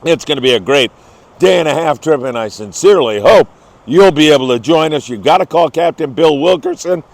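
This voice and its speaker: A man's voice: fairly high pitch, lively intonation, fairly quick, gravelly, dry recording. A man hosting a fishing report in an upbeat, effusive manner, like a travel show host gushing about the scenery and the fishing.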